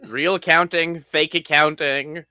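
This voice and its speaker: A man's voice: a little high, steady tone, unhurried, pushed and bright, smooth, no room sound. A man co-hosting a casual podcast chat, laid-back and wry, often trailing off.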